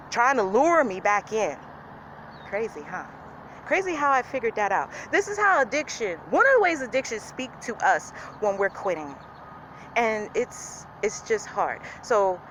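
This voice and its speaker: A woman's voice: medium pitch, rough recording. Woman, casual vlog talk, morning voice, earnest, traffic noise behind. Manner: earnest, confiding, drifts soft and quiet. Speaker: vlogger.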